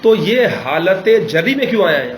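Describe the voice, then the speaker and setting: A man's voice: high-pitched, big pitch swings, reverberant, rough recording. A male teacher leading an Arabic grammar class, patiently correcting and quizzing his students.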